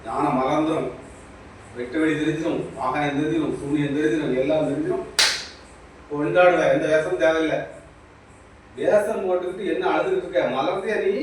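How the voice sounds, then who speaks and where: A man's voice: fairly high pitch, a little mellow. A man giving an impromptu spiritual talk as a teacher, preaching with lots of repetition and questioning his listener directly. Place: small shop. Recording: very echoey, distant mic, faint noise.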